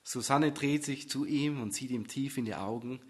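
A man's voice: mid-range voice, moderate pace. A man narrating a comic story in a dry, wry manner.

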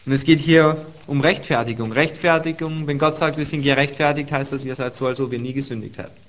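An earnest man preaching a sermon at a mid-range pitch, reading scripture aloud and leaning on key words by repeating them. The recording sounds slightly dull and lo-fi. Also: steady tone, a little fast, a bit bright.

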